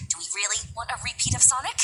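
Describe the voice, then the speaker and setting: A woman's voice: fairly high pitch, expressive, racing, sharp tone, breathy edge, full character voice. A woman voicing an anxious young cartoon girlfriend who speaks with worry and urgency in a fan dub. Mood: worried. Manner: worried, urgent.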